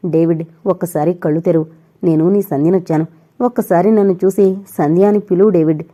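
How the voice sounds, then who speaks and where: A woman's voice: on the low side, fairly even intonation, a little fast, dark tone, lightly acted. A woman voicing a young married woman who pleads and weeps over her dying lover, in a storybook reading. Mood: tearful. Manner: tearful, pleading.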